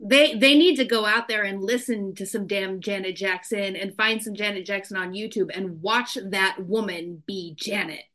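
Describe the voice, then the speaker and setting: Bright-voiced woman, terse co-host. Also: medium pitch, steady tone, normal speed, hardly any pauses. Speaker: podcast co-host. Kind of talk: casual panel podcast chat.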